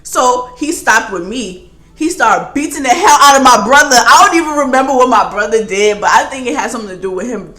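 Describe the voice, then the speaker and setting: A young woman vlogger telling a casual storytime, animated and slangy, often laughing. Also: on the high side, brisk. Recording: roomy echo with faint music.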